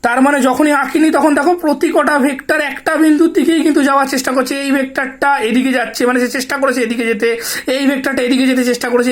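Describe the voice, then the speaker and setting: Female teacher, West Bengal Bengali accent, fairly high voice, patient and step by step, keeps checking in with the class. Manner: explains patiently, checks with rhetorical questions; mixes in English terms. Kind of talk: step-by-step math lesson.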